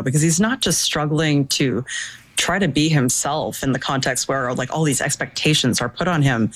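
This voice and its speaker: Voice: mid-range voice, a bit bright, poor audio. An interviewer asking long, thoughtful, analytical questions in a conversational tone.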